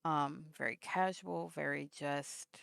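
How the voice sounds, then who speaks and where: A woman's voice: low-pitched, fairly even intonation, takes it slowly, gravelly, fairly bright tone, smooth, dry recording, studio quality. A woman vlogger telling a story in a casual, rambling way, full of fillers, acting out remembered text exchanges. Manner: rambling, many fillers, acts out remembered texts.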